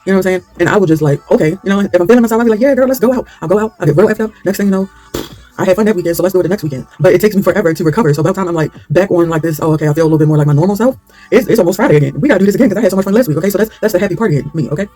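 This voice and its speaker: A woman's voice: on the low side, rapid-fire, dark tone, faint music behind. A woman chatting candidly while she does her own hair, rambling and losing her train of thought. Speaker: hair vlogger. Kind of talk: casual chat while styling hair.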